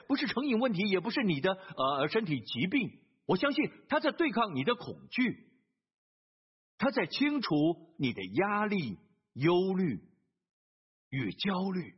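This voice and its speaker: A man's voice: sits high, husky. A man preaching a sermon, telling a story earnestly, with hesitant fillers and repeated phrases. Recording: dull lo-fi sermon recording.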